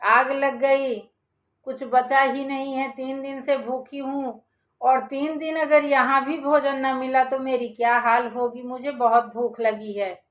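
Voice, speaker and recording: A woman's voice: high-pitched, little pitch movement, slow pace, fairly bright tone, echoey room. A woman voicing a hungry, hurt young village sister, plaintive in tone.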